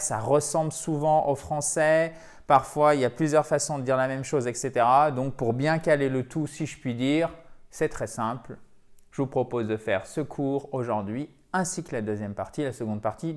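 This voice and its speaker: A man teaching a video lesson for French speakers, lively and repeating words to drill their pronunciation. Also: on the high side. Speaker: English teacher.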